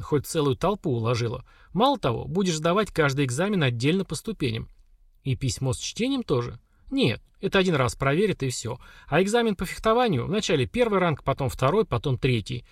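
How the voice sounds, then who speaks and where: A man's voice: a little high, very animated, fairly quick, no room sound, studio quality. A man voicing a stern, mocking older woman warrior who scolds the girls. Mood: scolding.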